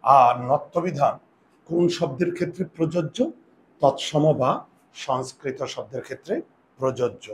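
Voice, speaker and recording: A man's voice: medium pitch, a little fast, slight background noise. Patient male grammar teacher. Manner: patient, repeats key points, asks and answers his own questions. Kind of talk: classroom grammar lesson.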